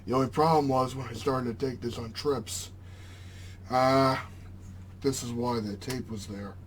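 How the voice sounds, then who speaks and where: A man's voice: mid-range voice, steady tone, a little slow. A young man rambling casually as a vlog host, with a slight retainer lisp and slur. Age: young adult. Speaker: video channel host. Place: small home room, indoors. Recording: clearly noisy room background.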